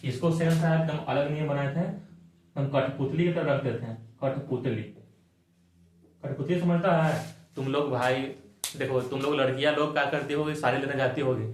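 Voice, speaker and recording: A man's voice: medium pitch, fairly even intonation, moderate pace, slight background noise. A man explaining a chapter for exams, colloquial and repetitive, asking and answering his own questions. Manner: colloquial, repeats key points, asks and answers own questions. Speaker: teacher. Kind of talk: exam-focused chapter explanation. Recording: echoey room.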